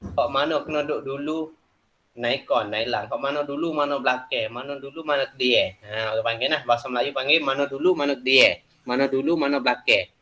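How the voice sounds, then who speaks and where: A man teaches a class in a loose, repetitive manner. He explains the lesson with many "ha" and "nah" fillers, at a middle pitch. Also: brisk, sharp tone, a little hiss or hum.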